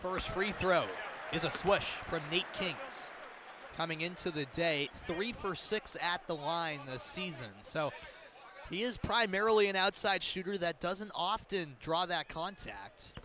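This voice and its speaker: A man whose voice sits high and unhurried narrates a live basketball game for radio, using crisp, colorful calls. The clear recording picks up arena noise and a bouncing ball.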